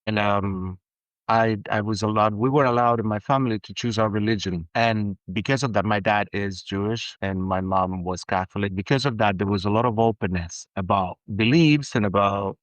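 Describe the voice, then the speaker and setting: A man from Argentina, a perfumer, talking as a guest in a casual interview, halting with many restarts and growing animated when excited. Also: on the low side, no echo, dull audio.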